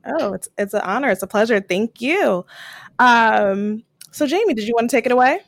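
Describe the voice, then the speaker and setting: A woman's voice: on the high side, animated, moderate pace, no echo. A woman of about thirty hosting a podcast interview, upbeat and friendly. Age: 30s. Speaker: podcast host.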